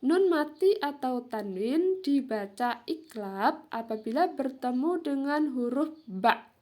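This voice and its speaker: A woman teacher explaining Quran reading rules slowly, reading each example aloud and repeating it. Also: high-pitched, expressive, darkish tone. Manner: slow, explains then models each example. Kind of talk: Quran recitation lesson.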